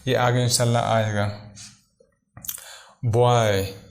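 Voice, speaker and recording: A man's voice: mid-range voice, steady tone. Patient male teacher repeating vocabulary words. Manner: slow, repeats each English word then gives its meaning. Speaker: English teacher. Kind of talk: vocabulary lesson.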